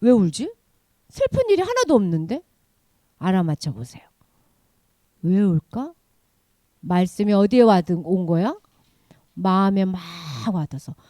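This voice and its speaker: A woman giving a children's sermon, animated, asking the children questions and acting out the story. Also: mid-range voice, unhurried, pauses often, no echo, studio quality. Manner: animated, asks children questions, acts out quotes. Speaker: children's ministry preacher.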